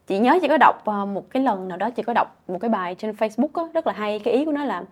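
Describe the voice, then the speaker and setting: A woman's voice: medium pitch, lively intonation, very fast. A young woman with a southern Vietnamese accent chatting casually as a guest, emphatic and repeating words as she explains. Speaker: guest, stand-up comedian. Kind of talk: casual chat.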